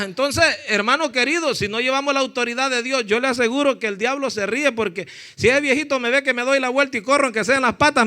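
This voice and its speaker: A male pastor preaching a fervent sermon. He often calls his listeners "brother", rises to shouts and then drops into stories. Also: high-pitched. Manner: addresses listeners as "hermano".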